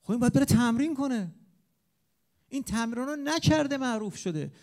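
A man giving an impassioned lecture to an audience, with sharp rises and drops in loudness. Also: very high voice, expressive. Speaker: speaker on religious eulogy singing.

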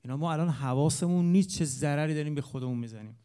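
A man gives a heated talk to a gathered audience. His voice sits fairly high yet sounds warm and mellow. He jumps between loud, pressing rises and soft, low asides. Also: clean tone. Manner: animated, with sharp rises and drops in loudness. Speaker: speaker on religious eulogy singing. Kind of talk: impassioned lecture to an audience.

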